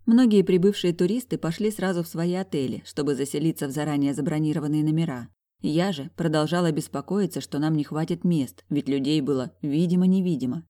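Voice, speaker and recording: A woman narrating a first-person audiobook, reading the dialogue with emotional, expressive delivery. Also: low voice, a little fast.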